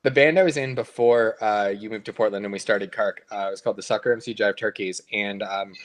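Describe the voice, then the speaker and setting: A man's voice: fairly low pitch, steady tone, fairly quick. A man, a band member, chatting casually and rambling in a podcast with lots of fillers and restarts.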